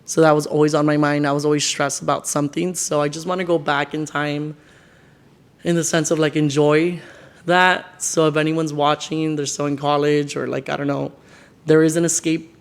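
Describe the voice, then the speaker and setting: Sitting in his decorated home, a 21-year-old man chats casually to the camera for his vlog, venting and rambling with heavy use of "like" and other fillers. His voice sits on the high side, smooth and fairly flat in pitch, at a normal speed.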